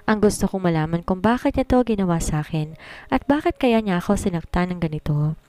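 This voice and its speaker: Woman reading a romance story aloud, mellow low-ish voice, dry close mic. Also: animated, fairly quick, no echo. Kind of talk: first-person story narration.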